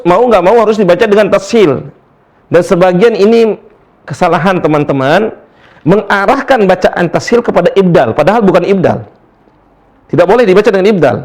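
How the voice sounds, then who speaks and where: A man teaching a casual recitation lesson, explaining rules and then chanting verses slowly and drawn out. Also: high-pitched, darkish tone.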